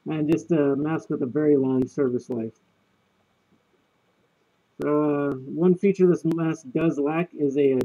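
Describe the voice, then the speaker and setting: A man speaks from behind a gas mask, so his voice comes through dull and muffled. His tone is somewhat higher than usual for a man, with a mellow, soft edge, and he talks in a plain, matter-of-fact way. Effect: muffled, talking from inside a gas mask. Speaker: gear collector reviewing a gas mask. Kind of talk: casual product review video.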